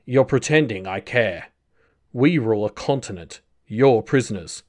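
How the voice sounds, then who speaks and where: A man voicing an arrogant male captor who talks with cool, unhurried disdain. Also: fairly low pitch, lively intonation, darkish tone. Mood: dismissive.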